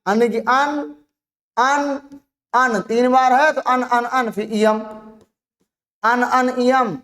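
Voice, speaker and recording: A teacher explains a chemistry lesson to students online, with a voice of middling pitch. Each question gets asked aloud and answered straight away. Terms are spelled out and repeated slowly so they stick. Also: steady tone, fairly bright tone.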